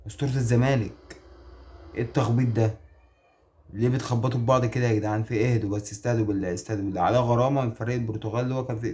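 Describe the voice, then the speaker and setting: A man's voice: mid-range voice, warm tone. A man with an Egyptian accent giving casual video commentary, exasperated and pleading, firing off rhetorical questions. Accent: Egyptian Arabic. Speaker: online sports commentator.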